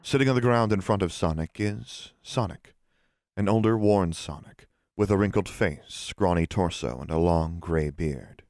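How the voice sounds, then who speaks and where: A man narrating the scene directions of an audio drama in a plain, measured reading. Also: sits low, a little mellow, no room sound, studio quality. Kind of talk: scripted narration of stage directions.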